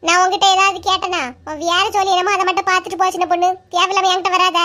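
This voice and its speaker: A woman's voice: extremely high pitch, level tone, rapid-fire, bright, forceful tone. A woman with a Kanyakumari Tamil accent voicing a quarrelsome middle-aged village woman in a comic cartoon, scolding and indignant. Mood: sulky.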